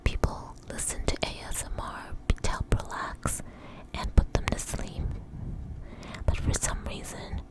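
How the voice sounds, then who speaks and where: Slow, tingly ASMR close whisper from a woman. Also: rough recording. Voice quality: breathy whisper with soft mouth sounds. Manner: slow, unstructured, reassuring. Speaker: ASMR video host. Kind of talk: ASMR close whisper, rambling personal talk. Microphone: very close to the mic.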